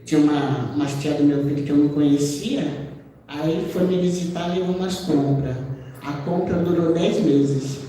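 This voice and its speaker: A woman's voice: deep voice, steady tone, moderate pace, dark tone. A woman missionary giving a church testimony, telling her story conversationally, often ending phrases with "né?" and acting out the voices of the people she quotes. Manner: acts out quoted dialogue within her story. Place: church hall. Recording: echoey church hall, voice far off, faint background noise.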